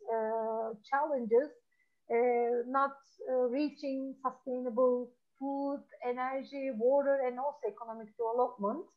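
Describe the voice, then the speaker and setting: Woman, panel moderator, hesitant with fillers, dull muffled recording. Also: high voice.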